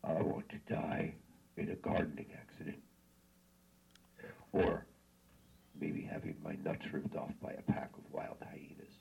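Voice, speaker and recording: A man doing a creepy whispered character in deadpan, menacing style during a podcast chat. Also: a bass voice, unhurried, pauses often, exaggerated voice, poor audio. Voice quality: gravelly whispered voice. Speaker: band member.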